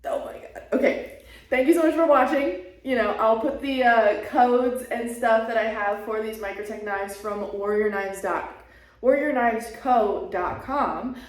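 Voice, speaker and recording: Excitable woman vlog host, slow delivery, heavy bare-room echo, a little off-mic. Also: a little high, distant mic. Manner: gushing and excitable. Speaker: channel host. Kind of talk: casual unboxing vlog. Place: bare, half-furnished room being set up as a studio.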